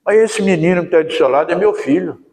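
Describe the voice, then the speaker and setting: A man's voice: high-pitched, quick pace, a little mellow. A man playing a resentful dead father's spirit. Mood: accusing. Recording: echoey lecture hall.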